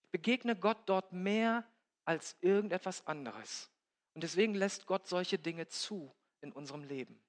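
A man preaching a sermon, swinging between loud emphatic peaks and hushed, quiet passages. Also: sits high, unhurried. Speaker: pastor. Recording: long hall reverb.

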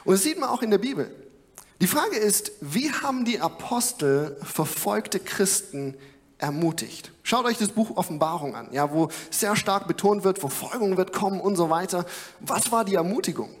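A man's voice: high-pitched, lively intonation, normal speed. A young man preaching a sermon in an earnest, conversational way, with frequent filler sounds. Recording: long hall reverb.

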